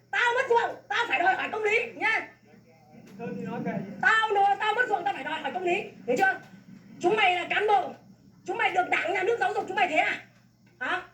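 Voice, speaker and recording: A woman farmer from Vietnam, furious over land seizure, berates listeners in a very high-pitched, bright, forceful voice. The tirade is scolding and repetitive, recorded echoey from well away from the mic.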